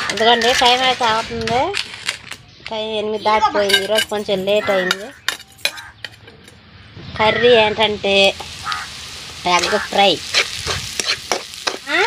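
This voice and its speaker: A woman's voice: mid-range voice, measured pace, long pauses. Chatty woman in a noisy home vlog. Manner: chatty, talks with her child and the viewers. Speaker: vlogger. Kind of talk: casual home vlog chat.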